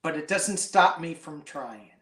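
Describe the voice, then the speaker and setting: Slow-talking man in an echoey room. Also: on the high side, expressive, a bit bright. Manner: slow, joking, self-mocking. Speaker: tarot reader guest. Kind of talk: casual chat reading tarot cards.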